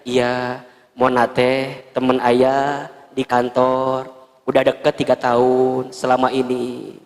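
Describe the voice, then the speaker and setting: A sheepish husband owning up in a low, subdued voice, as a preacher plays him. The voice is pitched well below the speaker's own and rings with a long hall reverb. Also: male voice, monotone, takes it slowly. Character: sheepish husband caught out, middle-aged man.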